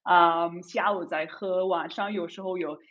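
A Swiss German speaker from Zurich in her thirties appears as a podcast guest, chatting casually in Mandarin as a foreign learner. Her voice is lowish, steady and a bit bright, at a measured pace, and she sounds hesitant and giggly, often repeating words. The recording is muffled.

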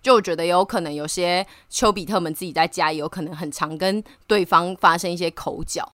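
A woman tells a story in a casual podcast chat, talking fast and laughing easily. Her voice is bright and sharp. The sound is dry and close. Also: on the low side, no room sound. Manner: animated, laughs often while telling a story. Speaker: podcast co-host. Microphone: remote online call.

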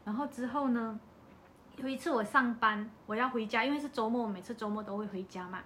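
Malaysian woman telling a lively story. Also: a little high, a little fast, slight background noise. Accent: Malaysian Mandarin. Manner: animated storyteller who acts out quoted dialogue. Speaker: podcast speaker. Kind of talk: casual chat telling a personal story.

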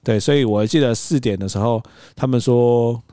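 A man's voice: medium pitch, moderate pace, mellow, smooth, dry recording, clean studio sound. A young man, co-hosting a podcast, who jumps in to finish his partner's sentences. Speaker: podcast co-host. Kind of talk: casual chat.

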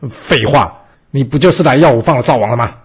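A man voicing a gruff, curious male enemy general who talks bluntly. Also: medium pitch, fast talker.

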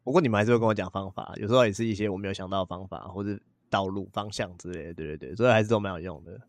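A man's voice: fairly low pitch, dry recording. A man, co-hosting a podcast in casual chat and telling self-deprecating stories. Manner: fast, joking, self-deprecating storytelling. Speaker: podcast co-host.

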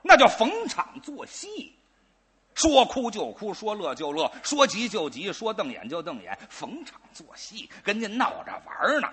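Male crosstalk comic: bright, very lively voice, brags and jokes back. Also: high-pitched, normal speed, breathy edge. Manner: cocky, playful banter. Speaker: crosstalk comedian. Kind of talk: live comedic crosstalk.

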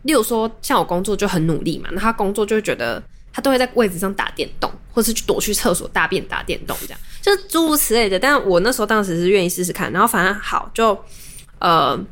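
A woman's voice: mid-range voice, animated, quick pace, fairly bright tone. A young adult woman, hosting a podcast and telling a personal story in a casual, rambling way with many restarts. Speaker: podcast host.

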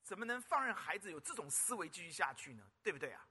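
A man preaching, his voice riding high and swinging widely in pitch. He has a very bright, piercing edge and keeps pressing the congregation with rhetorical questions. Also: very animated, quick pace, slightly rough. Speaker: pastor. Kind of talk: lively sermon. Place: church service.

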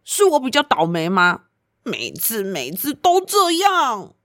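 A woman's voice: mid-range voice, wildly swooping pitch, a bit bright, dry recording, studio quality. A woman voicing Wyatt, a whiny little boy. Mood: sulky. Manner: whiny, sulky, drawn-out complaints. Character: grumpy, easily upset little boy Wyatt. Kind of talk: storybook reading for children.

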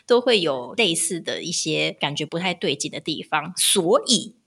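A woman, co-hosting a podcast in casual chat and telling animated stories. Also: low-pitched, moderate pace, gravelly, slightly rough. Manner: animated storytelling, acts out voices with laughs. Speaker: podcast co-host.

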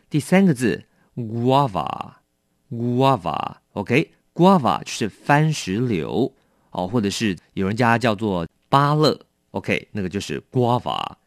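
A man teaching English vocabulary in a lively, coaxing way, asking his learners questions. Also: mid-range voice, dry recording, clean studio sound. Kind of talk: bilingual vocabulary lesson.

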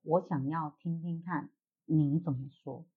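A woman with a Taiwanese Mandarin accent tells a family story in a casual chat, acting out what each relative said. Her voice is low and husky. The recording sounds thin, as if it came over a phone line. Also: unhurried. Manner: animated retelling, acting out relatives' quoted lines. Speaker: podcast host. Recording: tinny phone-like audio.

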